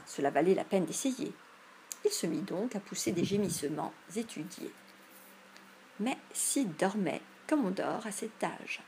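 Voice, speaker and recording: A woman narrating an audiobook in a measured, expressive storytelling manner. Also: mid-range voice, slight background noise. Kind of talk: audiobook reading.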